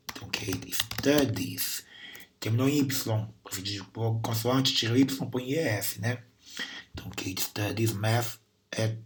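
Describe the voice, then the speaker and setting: A man's voice: lowish voice, slight background noise. A Brazilian man teaching English grammar and pronunciation, patiently repeating sounds and words to demonstrate them. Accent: Brazilian Portuguese. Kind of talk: recorded class lesson.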